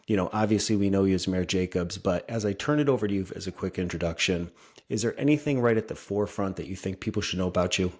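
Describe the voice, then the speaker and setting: A man in his thirties hosts a casual podcast interview with a deep, low-pitched voice. He sounds upbeat and chatty, leaning on the odd filler as he talks. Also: fast talker, darkish tone, breathy edge. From upstate New York. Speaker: podcast host.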